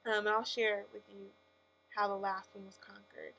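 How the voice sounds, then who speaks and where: Her voice is medium-pitched and creaky at a normal speed as she, a faith-focused vlogger with a lisp, tells her personal story candidly on camera. She stresses points emphatically and fixes her own wording, while poor audio adds a constant hum and background noise.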